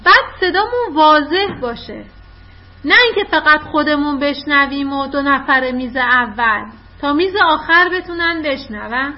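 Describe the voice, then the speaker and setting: A woman teaching children in an online class, encouraging them and quick with praise. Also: high-pitched. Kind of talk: online class, coaching children to read aloud. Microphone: video call. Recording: dull lo-fi online call audio.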